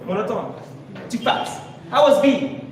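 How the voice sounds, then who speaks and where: A man's voice: very high voice, measured pace. A man coaching public speaking in a live workshop, demonstrating points and quizzing the audience. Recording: echoey room, far from mic, noisy.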